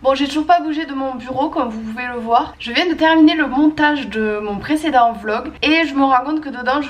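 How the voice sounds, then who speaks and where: A woman's voice: fairly high pitch, slight background noise. A young woman chatting casually in a vlog from her desk at home, enthusiastic and full of filler sounds. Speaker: vlogger.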